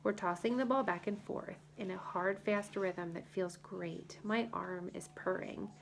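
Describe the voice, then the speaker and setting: A woman reading a first-person children's novel as audiobook narrator, in a lively storytelling manner. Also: mid-range voice, unhurried, gravelly, a little hiss or hum.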